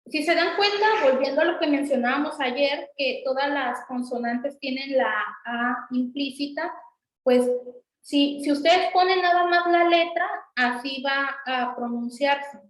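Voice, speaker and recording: A woman's voice: high-pitched, measured pace, echoey room, low-quality recording. A woman teaching an introductory language class, patiently repeating example words. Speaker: Sanskrit teacher. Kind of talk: online class explanation.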